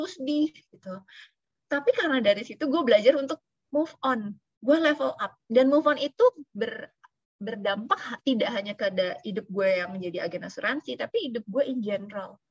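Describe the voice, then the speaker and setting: A woman's voice: sits high, brisk, dry recording, highs cut off. A woman, an insurance agent giving a casual motivational talk, chatty and slipping in English phrases. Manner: chatty, mixes in English phrases, laughs now and then. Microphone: video call.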